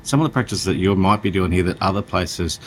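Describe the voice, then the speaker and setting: A man's voice: sits low, fast talker, a little hiss or hum. A man with an Australian accent hosting a casual podcast interview in an informal, rambling way. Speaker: podcast host.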